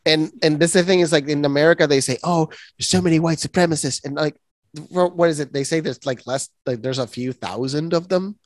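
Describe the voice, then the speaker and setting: Puerto rican dude cohosting, kinda high voice, animated, super dry sound. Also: male voice, fairly quick, dry recording. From Puerto Rico. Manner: animated, acts out reactions in shrill voices. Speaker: podcast co-host. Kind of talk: casual chat.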